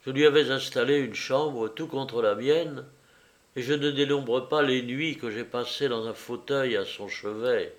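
Slow, measured male audiobook narrator. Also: medium pitch. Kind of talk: audiobook reading.

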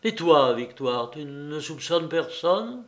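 Man doing a calm bossy gentleman hero, sarcastic, kinda high for a guy, slow delivery. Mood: stern questioning. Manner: firm, sardonic, raised voice. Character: cool, commanding gentleman hero, ironic. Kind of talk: audiobook reading.

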